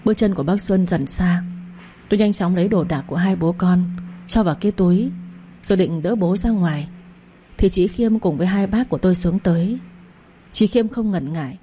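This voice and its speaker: A woman's voice: on the low side, dark tone, slightly rough. A woman giving earnest, heartfelt first-person narration of a story.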